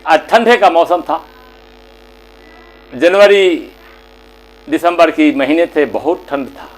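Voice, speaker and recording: A male religious storyteller narrates a moral tale in short, plain phrases. His voice sits high and he paces it slowly, like a patient preacher. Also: low-quality recording. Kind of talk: devotional story sermon.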